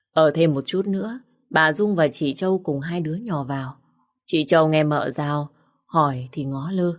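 A woman narrating a story audiobook in a steady, even-paced reading. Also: sits low.

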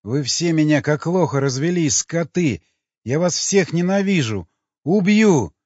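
A man voicing a drunk, raving young man in a frenzy, shouting curses hysterically, with a husky voice. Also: on the high side, sing-song, normal speed, dry recording, lo-fi sound. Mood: furious.

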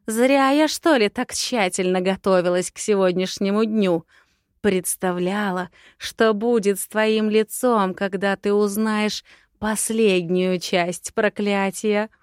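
A woman voicing a scheming, cruel witch who taunts in drawn-out, sing-song phrases. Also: medium pitch, steady tone, smooth, no echo, studio quality, lightly acted. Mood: gloating. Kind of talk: audiobook character voice.

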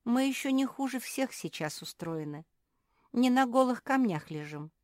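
A woman voicing a cheerful, sensible female dog who talks briskly and wryly. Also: a little high, expressive, a little mellow, no room sound, clean studio sound, pitched above the performer's own voice, close to an everyday voice.

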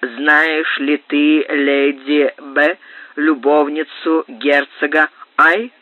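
A man voicing a mysterious nobleman who gives slow, commanding orders in a low voice. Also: little pitch movement, dry recording, narrow, tinny audio. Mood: menacing. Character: menacing mysterious nobleman giving secret orders.

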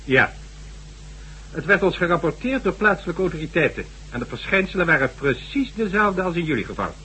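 In a Dutch radio drama, an actor plays a stern, sardonic government official who lectures formally and condescendingly in a measured, recounting mood. His exaggerated voice is high, very animated, brisk, pushed and bright. The rough old radio recording carries faint hum and noise.

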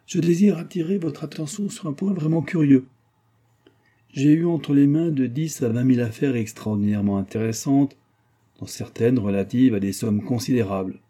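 A man reading the lines of a cordial, enthusiastic little businessman with a courteous, warmly persuasive manner in an audiobook. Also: mid-range voice, breathy edge, natural voice.

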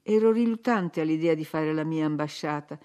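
A woman narrating an audiobook in a measured, expressive storytelling manner. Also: low voice.

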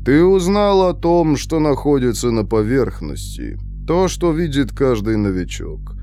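A man voicing a calm, detached young male prisoner in his twenties who speaks slowly and in a measured, lecturing way. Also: medium pitch, faint music behind. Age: 20s.

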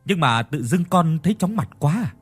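A man's voice: on the high side, big pitch swings, moderate pace, breathy edge, pitched above the performer's own voice. A man voicing a sick teenage son in a spoken horror story, talking weakly. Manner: weak, strained.

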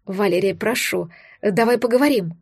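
A woman voicing a thousand-year-old male dragon, anxious and tender, speaking low and pleading in an audiobook. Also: normal speed, a little mellow, breathy edge, no echo, clean studio sound. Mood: alarmed.

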